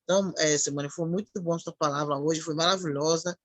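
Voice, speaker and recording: A woman's voice: low voice, steady tone, brisk, no room sound. A woman in a devotional conversation, talking in an earnest, repetitive way and thinking aloud as she goes. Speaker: church sister in a ministry chat.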